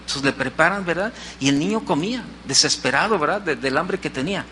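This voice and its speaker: A man's voice: on the high side, expressive, brisk, pushed and bright, a little hiss or hum. A man preaching a sermon in church, who repeats key phrases and acts out the people in his stories. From Mexico. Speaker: pastor. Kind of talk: sermon with storytelling.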